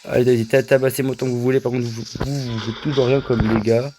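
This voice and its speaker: A young man giving casual, excitable commentary on his own gameplay, often stammering and repeating himself as he talks to his viewers. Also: mid-range voice, quick pace, background noise. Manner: excitable, stammering, addresses viewers as "les gars". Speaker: gaming video creator.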